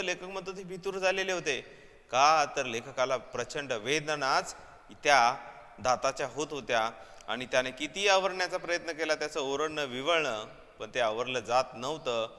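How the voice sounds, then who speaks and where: A man's voice: mid-range voice, pushed and bright, long reverb tail. A man teaching a prose lesson, explaining each line emphatically and repeating himself as he paraphrases.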